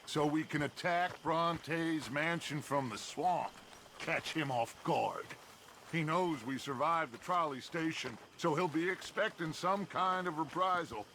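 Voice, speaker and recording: Dutch, a bright, forceful outlaw leader. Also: male voice, a little high, measured pace, a little hiss or hum. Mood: confident, calm. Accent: American. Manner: grandiose, persuasive, oratorical. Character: charismatic, scheming male outlaw gang leader, middle-aged. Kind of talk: dramatic video game cutscene acting.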